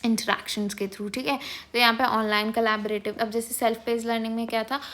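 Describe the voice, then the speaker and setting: A young woman teacher giving an online exam-prep lecture. She reads English definitions slowly, then explains them quickly and conversationally, checking in often. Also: on the high side, little pitch movement, fairly bright tone. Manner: fast-talking, checks in with frequent "okay".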